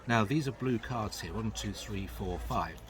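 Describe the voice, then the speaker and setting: A man's voice: lowish voice, a little slow. A middle-aged man giving casual, chatty patter as a card magician, explaining as he handles the cards.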